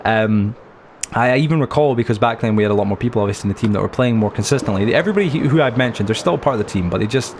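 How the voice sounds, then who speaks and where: A man's voice: medium pitch, animated, rapid-fire, a little hiss or hum. A young man hosting a game channel, giving a chatty, rambling tour full of stories, fillers and restarts. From United Kingdom. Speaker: gaming channel host. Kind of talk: rambling let's-play tour commentary.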